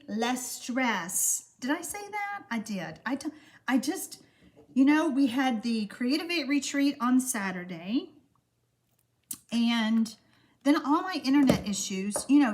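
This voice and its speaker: A chatty card-making demonstrator hosts a casual craft livestream, talking to viewers as she works. Her pitch is lively, though allergies have left her voice froggy.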